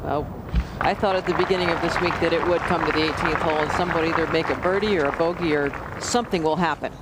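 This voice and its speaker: A man's voice: a little high, fairly even intonation, fast talker. A man offering live commentary as a golf commentator on a sports broadcast. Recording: very noisy outdoor broadcast.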